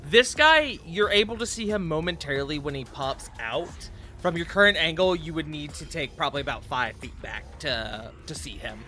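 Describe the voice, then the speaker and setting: Bright lively guy gm, animated voice, bit of music behind. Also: on the high side. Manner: lively, laughing, quick asides. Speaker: game master. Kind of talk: running a tabletop game, casual.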